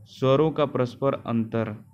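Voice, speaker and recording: Slow, deliberate male grammar teacher. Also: mid-range voice, steady tone, darkish tone, smooth, dull audio. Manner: repeats key terms and asks the class rhetorical questions; self-correcting with "sorry". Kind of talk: grammar lecture.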